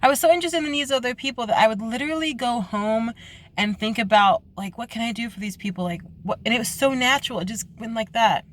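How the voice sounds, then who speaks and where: A young woman speaking earnestly in a confessional late-night vlog from her parked car, halting and restarting often. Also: a little high, a bit bright. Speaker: vlogger.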